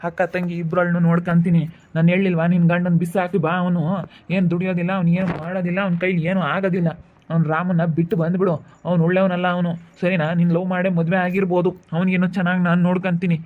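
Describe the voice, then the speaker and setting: A man's voice: high voice, level tone, fast talker, natural voice. A man playing a pushy lecherous brother-in-law. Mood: threatening. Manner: pressing, coaxing and threatening. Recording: tinny phone-like audio.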